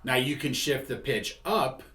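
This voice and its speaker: Hosting and demonstrating a product, this man explains things conversationally, frequently restating his points. He speaks unhurriedly at medium pitch, with lively intonation and a pushed, bright quality. Faint background noise accompanies the echoey room.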